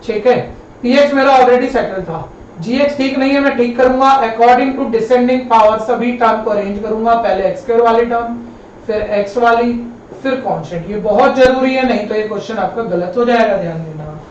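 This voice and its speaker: A man's voice: extremely high pitch, normal speed. A male maths teacher giving a live online lesson in a classroom, patient and repetitive, often calling his students kids and brother. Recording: roomy, distant, dull classroom sound with faint noise.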